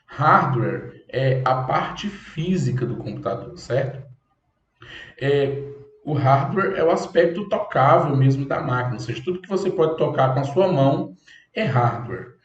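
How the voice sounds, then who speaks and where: A man's voice: medium pitch, animated, unhurried, slight background noise. A man teaching a computer course, explaining step by step and checking in with "ok?" often. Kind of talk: classroom lecture. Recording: echoey room, dull lo-fi sound.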